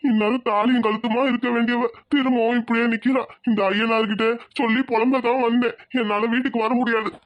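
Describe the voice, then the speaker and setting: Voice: medium pitch, little pitch movement, a little fast, few pauses, close to an everyday voice. A performer voicing a grieving middle-aged village father who blames himself, in a cartoon. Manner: mournful, self-blaming. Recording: dull lo-fi sound.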